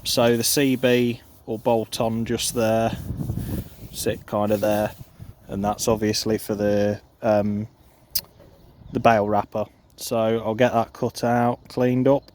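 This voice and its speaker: A farm vlogger shows off a DIY installation, describing the hands-on job casually and matter-of-factly in a how-to vlog recorded on a handheld phone. He has a medium, slightly mellow voice with a level tone, speaks slowly, and there's slight background noise.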